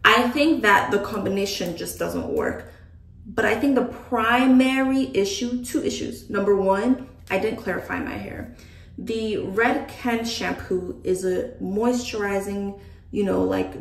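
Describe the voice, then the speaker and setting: A woman chatting to camera as a hair vlogger, thinking out loud with joking asides. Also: medium pitch. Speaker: beauty vlogger. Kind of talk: casual chat to camera. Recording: echoey room from a distant mic.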